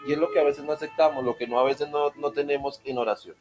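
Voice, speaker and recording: A male pastor delivers a relaxed, conversational sermon, his voice sitting a little high for a man. He keeps it light with jokes and keeps asking his listeners questions. Faint music plays underneath. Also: fast talker. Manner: informal and joking, talks straight to listeners with questions.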